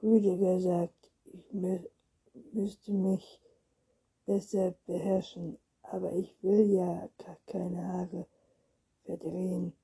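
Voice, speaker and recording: A woman voicing an affectionate, giddy little girl vampire in a storybook, in a soft, breathy reading voice. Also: lowish voice, level tone, takes it slowly, full character voice, rough recording. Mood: gushing.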